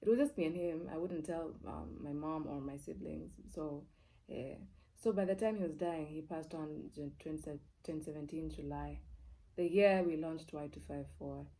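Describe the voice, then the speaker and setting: Speaking at a moderate pace, this low, mellow-voiced young Kenyan woman, a TV presenter, recounts a personal story casually and candidly. She repeats words for emphasis and mixes English with Swahili expressively, on a low-quality recording.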